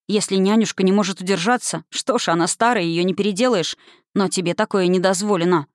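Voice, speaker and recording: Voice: mid-range voice, fairly even intonation, fairly quick, no room sound, clean studio sound, close to an everyday voice. An audiobook reader voicing a stern young woman who answers curtly. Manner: sharp, curt replies.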